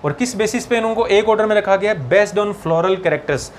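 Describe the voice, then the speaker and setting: A man teaching biology for an entrance exam, mixing Hindi and English, slowing down to dictate textbook lines and often checking in with his students. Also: high-pitched, a little hiss or hum. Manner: slows down to dictate English textbook lines, keeps asking "ठीक है ना". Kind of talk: exam-prep lecture, Hindi mixed with English.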